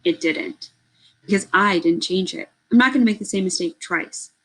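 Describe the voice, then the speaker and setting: A woman reading aloud, voicing an old grandfather who shouts a loving, resolute farewell over the waves. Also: medium pitch, normal speed, close to an everyday voice, low-quality recording. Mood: calm resolve.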